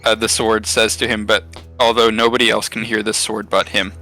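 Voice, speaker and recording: A man narrating his tabletop character, rambling and hesitant with lots of fillers. His voice is bright and tense. Faint music sits in the background. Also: lowish voice, level tone, fairly quick. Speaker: tabletop player.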